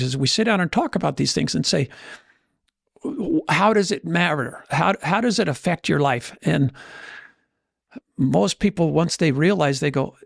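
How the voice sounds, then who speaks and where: A podcast host and financial coach gives conversational, motivational money talk, often acting out imagined inner dialogue to make his points. His voice sits on the high side with vocal fry, and the studio-quality recording is dry.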